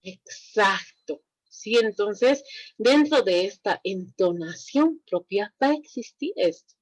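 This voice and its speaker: A woman teaching a language class online, explaining slowly and often checking in with her students. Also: mid-range voice, animated, no room sound, rough recording. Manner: slow, explanatory, asks students frequent check questions.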